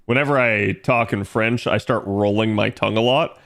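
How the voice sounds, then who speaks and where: A man's voice: lowish voice, normal speed, vocal fry, a bit bright. A man hosting a live stream, talking through a game analysis in a casual, chatty way and speaking straight to his viewers.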